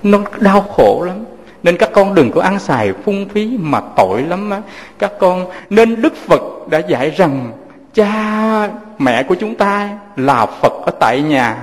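Male Buddhist teacher, high voice, gentle storytelling sermon. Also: sing-song, measured pace, in a large hall. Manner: gentle, addresses listeners as children, tells moving stories.

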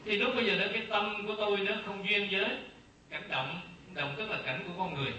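A man gives a Buddhist dharma talk in a high, very bright voice, circling back over his phrases and asking questions he then answers himself. He sounds set back from the microphone in a strongly echoing space, with a faint hum of ambience behind him. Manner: slow, repetitive teaching with rhetorical questions. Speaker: Buddhist monk teacher. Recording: very echoey distant room sound, faint ambience.

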